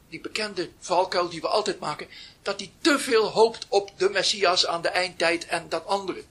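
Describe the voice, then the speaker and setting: A man giving a reflective spiritual talk, telling a story slowly with long pauses, often dropping to near whispers, then rising with emphasis. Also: high-pitched, bright, forceful tone, breathy edge. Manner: slow, pausing delivery. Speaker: spiritual teacher.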